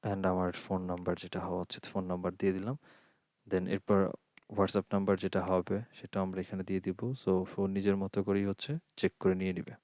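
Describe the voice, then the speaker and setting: Guy with a lowish voice walking through a tutorial, asks questions then answers them, dry close sound. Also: completely flat delivery, fairly quick, darkish tone, dry recording. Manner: explains step by step with rhetorical questions, mixing in English. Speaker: online course instructor. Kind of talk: screen-share tutorial.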